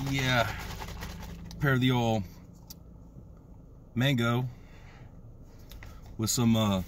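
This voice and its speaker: An American man in his thirties talking with a lip full of dip in a casual, slangy review vlog, drawing out hyped catchphrases. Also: fairly low pitch. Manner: slangy, drawn-out hype catchphrases. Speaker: product reviewer. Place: inside a parked car. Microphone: phone at arm's length. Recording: noticeable background noise inside a car.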